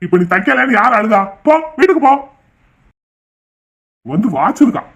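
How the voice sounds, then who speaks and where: A man's voice: high-pitched, fast talker, natural voice. A man doing a bossy, hot-tempered brother. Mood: scolding. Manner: scolding, rude, shouting.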